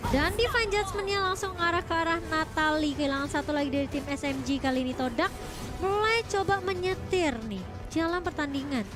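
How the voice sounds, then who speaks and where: A woman calling a live game match excitably, like a fighting game announcer. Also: high-pitched, brisk. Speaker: esports shoutcaster. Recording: music behind the voice. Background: music.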